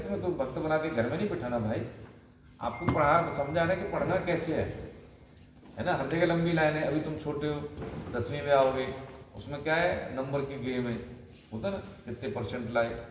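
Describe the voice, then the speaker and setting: A man teaching a children's class in casual talk, chatty and often checking that they understand. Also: fairly high pitch. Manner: chatty, asks frequent check-in questions. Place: temple hall. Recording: echoey hall, far from mic, noise.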